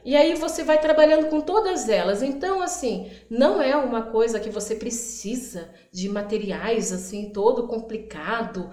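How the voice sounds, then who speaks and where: A woman teacher explaining early literacy activities, sounding out words slowly and acting out her prompts to children. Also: fairly high pitch, expressive, warm tone, reverberant. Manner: stretches out words for demonstration, acts out classroom prompts. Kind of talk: instructional explainer.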